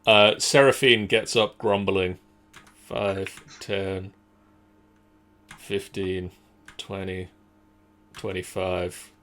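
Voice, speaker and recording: Slow-paced, forceful man as game master. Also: sits low, little pitch movement. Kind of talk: casual tabletop game narration.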